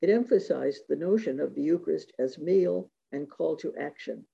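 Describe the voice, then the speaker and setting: A man giving a reflective talk on religious devotion, measured and reading quotations aloud, in a dull lo-fi recording. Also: on the high side, creaky, warm tone, slightly rough. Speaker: speaker giving a talk on Eucharistic spirituality.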